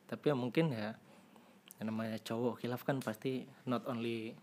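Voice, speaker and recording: A man's voice: mid-range voice, steady tone, moderate pace, darkish tone. A young man, speaking through a voice changer as a guest in a casual confessional chat, hesitant and full of fillers and restarts. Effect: voice changer disguising his voice. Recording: noisy recording.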